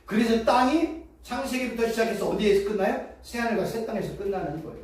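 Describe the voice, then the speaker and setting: With rhetorical questions and emphatic repetition of key phrases, a female seminary professor gives a sermon-like Bible lecture. She speaks fast in a slightly high, darkish voice, recorded from far away in a very echoey room.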